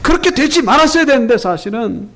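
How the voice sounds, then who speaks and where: Male pastor, sermon, very high voice, gravelly texture, rhetorical questions, acts out quotes in stories. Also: big pitch swings, quick pace, a bit bright. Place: church sanctuary. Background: congregation answering amen.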